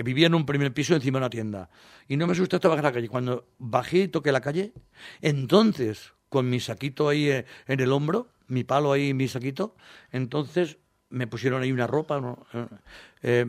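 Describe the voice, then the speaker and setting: A man's voice: medium pitch, no echo, clean studio sound. A Spanish man in his sixties from Valencia, a singer telling childhood stories in an interview, rambling and laughing as he acts out voices. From Valencia, Spain.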